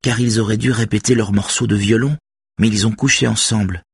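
A soft, hesitant teenage girl confides in low tones, her voice sitting higher than the reader's own, as a man acts her out. The sound is husky and close, with almost no room around it. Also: steady tone, brisk, no room sound, full character voice. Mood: confiding. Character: teenage girl, quiet and earnest.

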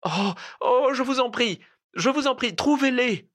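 A man's voice: fairly high pitch, moderate pace, fairly bright tone, voice pushed up. A man reading aloud, voicing a distressed young woman who trembles and pleads, close to tears. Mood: pleading.

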